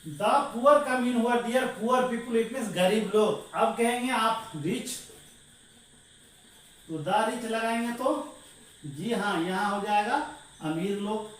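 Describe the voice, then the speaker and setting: A man's voice: high voice, takes it slowly, pauses often, fairly bright tone. A man teaching English grammar to a class. He asks questions and then answers them himself, and he keeps calling his listeners "dear". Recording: very echoey room, voice far from the mic, faint noise.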